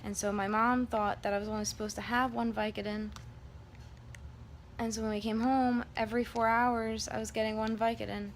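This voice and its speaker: A woman's voice: fairly high pitch, little pitch movement, moderate pace. A woman talking casually to her vlog audience, recounting a personal experience in a rambling, candid way. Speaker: vlogger. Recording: background room noise.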